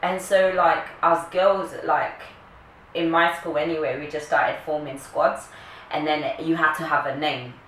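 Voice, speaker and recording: A little slow and fairly even in intonation, her low voice carries a fairly bright tone. She is a woman in her early 30s, from Kenya and later the UK, playfully and casually vlogging to camera. The recording has room echo, a distant mic and faint noise.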